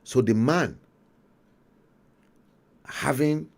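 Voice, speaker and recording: A middle-aged Nigerian man with a Nigerian accent, telling a story in an emphatic livestream monologue with dramatic pauses. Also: medium pitch, vocal fry, darkish tone. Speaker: talk show host.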